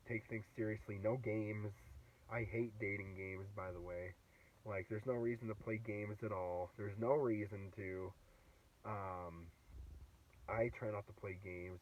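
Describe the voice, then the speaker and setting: A man's voice: fairly low pitch, a little mellow. Young man with a sore throat, rambling. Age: 20s. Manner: rambling, heavy with fillers and restarts. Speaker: vlogger. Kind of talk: casual vlog monologue. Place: inside a car. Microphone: phone. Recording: dull, distant phone audio in a car.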